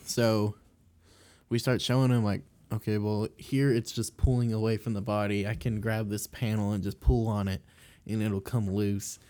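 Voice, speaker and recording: A man's voice: fairly low pitch, flat delivery, normal speed, dark tone. A man, co-hosting a casual chat and rambling through stories with fillers and laughs.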